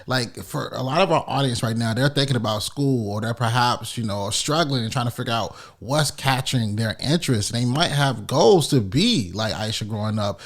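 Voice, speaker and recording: A man's voice: medium pitch, normal speed, hardly any pauses. Hype, casual male podcast host. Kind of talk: podcast interview.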